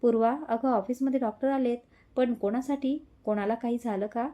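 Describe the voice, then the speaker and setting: A distraught young woman begs through tears in a storybook audio drama, voiced by a woman narrator. Her voice sits fairly high, with a soft, mellow tone. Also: fairly even intonation, normal speed, highs cut off, lightly acted. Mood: worried. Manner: tearful, pleading.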